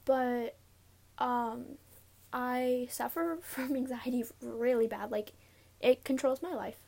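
Young woman, higher-pitched, nervous and giggly, halting casual solo podcast delivery from inside a closet. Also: steady tone, creaky, darkish tone. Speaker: podcast host. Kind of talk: casual confessional solo talk. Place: inside a closet, sitting on a pillow.

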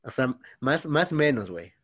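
A man's voice: mid-range voice, big pitch swings, normal speed, fairly bright tone, slightly rough, no room sound, clean studio sound. A man in his twenties with a Mexican Spanish accent, co-hosting a podcast and telling stories in slangy casual chat. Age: 20s. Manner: slangy, says "güey" constantly, storytelling. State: coughing. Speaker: podcast co-host.

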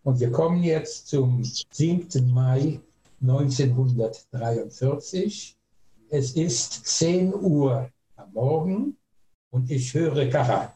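An older man giving a testimony talk to an audience, telling his story slowly and deliberately with heavy pauses. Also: medium pitch, expressive, mellow, echoey room, poor audio. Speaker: eyewitness speaker.

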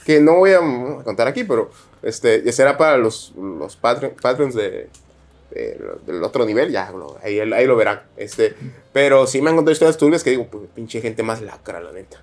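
A man with a Mexican accent, a guest on a casual podcast, who talks haltingly and restarts his sentences often. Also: mid-range voice, expressive. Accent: Mexican Spanish. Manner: hesitant, full of fillers and restarts. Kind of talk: casual chat.

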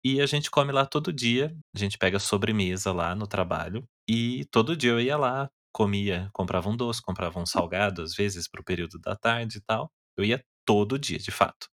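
Brazilian male co-host, low voice, animated laughing storyteller. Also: normal speed, hardly any pauses. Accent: Brazilian Portuguese. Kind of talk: casual chat.

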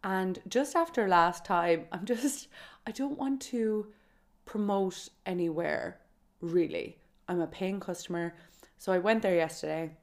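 A woman's voice: lowish voice, measured pace. A woman in her twenties with an Irish accent from County Kerry in the southwest, chatting informally and confidingly as she tells personal stories to listeners. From County Kerry, Ireland. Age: 20s. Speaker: podcast host. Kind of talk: casual solo chat, personal storytelling.

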